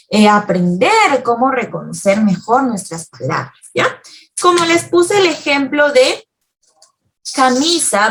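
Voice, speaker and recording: A woman teaching a children's grammar lesson, speaking patiently and often checking that the listeners follow. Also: fairly high pitch.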